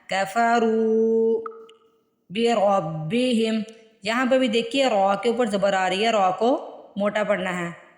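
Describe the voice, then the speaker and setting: A woman teaching Quran recitation step by step, patiently repeating words slowly to show pronunciation. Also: mid-range voice, fairly even intonation. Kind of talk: step-by-step tajweed lesson. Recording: echoey room with long reverb.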